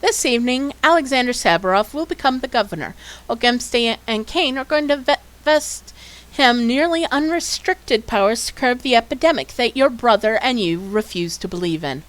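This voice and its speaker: A woman's voice: on the high side, lively intonation, a bit bright, pitched above the performer's own voice. A woman reading as a blunt messenger man. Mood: urgent. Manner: brisk, raised, reading aloud.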